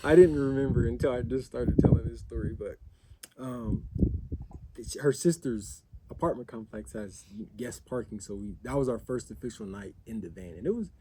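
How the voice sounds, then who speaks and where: A man's voice: mid-range voice, moderate pace, crowd noise. A man casually chatting as a vlogger, telling a story in a rambling way with restarts. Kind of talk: casual chat.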